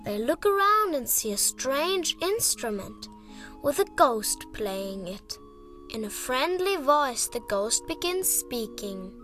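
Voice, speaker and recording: A woman narrating an audio-guide story in a measured storybook tone. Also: sits high, sing-song, pushed and bright, faint music behind.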